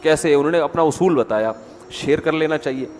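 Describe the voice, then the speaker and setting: A man's voice: a little high, a little hiss or hum. A man giving a sermon in a conversational style, full of rhetorical questions and little impressions of people. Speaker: preacher. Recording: echoey hall with faint music.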